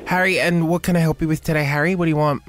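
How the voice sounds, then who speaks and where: A man's voice: on the high side, steady tone, racing, noisy background, close to an everyday voice. A man voicing a sassy, flirty woman from Bankstown who answers a radio phone line, with an Australian accent, brash and calling everyone bro. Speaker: radio host doing a character. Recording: loud music behind.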